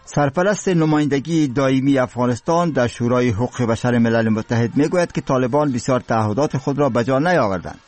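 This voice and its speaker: مردی با لهجهٔ افغانستانی، گویندهٔ رسمی و جدی خبر. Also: male voice, medium pitch, darkish tone, soft background music. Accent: Afghan. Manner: solemn, formal, measured delivery. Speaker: radio newsreader. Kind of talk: formal scripted news reading.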